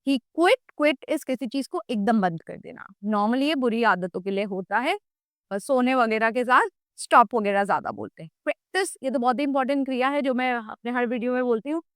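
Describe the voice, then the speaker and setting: A woman teaching English grammar, explaining in Hindi and repeating English example sentences slowly and with emphasis. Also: a little high, lively intonation, no echo, studio quality. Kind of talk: bilingual grammar lesson.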